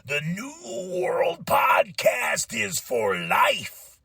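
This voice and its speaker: A gurgling, breathy growl, pushed out as a slow shouted whisper with no real tone behind it, as a podcast host puts it on. Underneath the gurgle the voice sits fairly high for a man. The sound is dry and close, with no room around it. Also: sing-song, no room sound, heavily acted. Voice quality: gurgling, unvoiced gravelly put-on voice. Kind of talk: podcast sign-off catchphrase.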